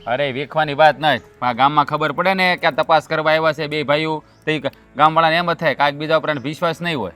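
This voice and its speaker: An actor playing a short-tempered, defensive elder brother and farmer, speaking with a Kathiawadi Gujarati accent. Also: male voice, on the high side, steady tone, bright, forceful tone, clean tone, soft background music. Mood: explaining. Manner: defensive and quick to snap. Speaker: elder brother in a land feud. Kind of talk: rural family drama acting.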